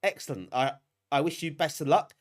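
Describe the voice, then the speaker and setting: This British man's voice is a little high and brisk, thick with the congestion of a cold he's getting over. Hosting a retro gaming live stream, he chats casually and self-deprecatingly, appreciative of his viewers.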